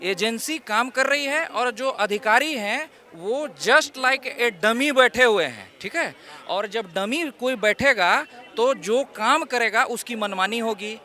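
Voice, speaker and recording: A man's voice: very high-pitched, animated, slow pace, pushed and bright. A man, a protesting exam candidate, arguing his point with rhetorical questions in a street interview outdoors.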